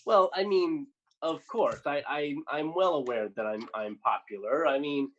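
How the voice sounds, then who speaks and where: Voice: mid-range voice, a little slow, fairly bright tone, lo-fi sound. A performer playing a cheeky, self-important young girl cartoon pig at a mock press conference, bluffing and rambling through the answers with lots of ums and restarts. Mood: smug.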